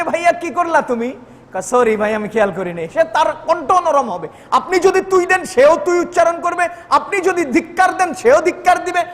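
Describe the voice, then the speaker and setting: A man's voice: very high voice, a bit bright, long reverb tail. A man preaching a sermon, often putting questions to the crowd and acting out quoted exchanges. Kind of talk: Bengali waz sermon.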